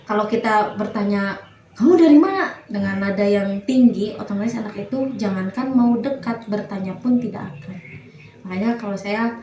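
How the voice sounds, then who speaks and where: A woman's voice: mid-range voice, fairly even intonation, moderate pace, mellow. A woman teacher answering interview questions, explaining earnestly with examples and frequent hesitations. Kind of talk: casual interview conversation. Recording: echoey room with faint noise.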